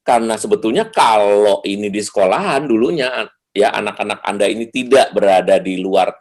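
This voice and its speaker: A man giving a lively seminar talk over a video call, acting out little dialogues with sudden jumps in pitch. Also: fairly quick. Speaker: seminar speaker.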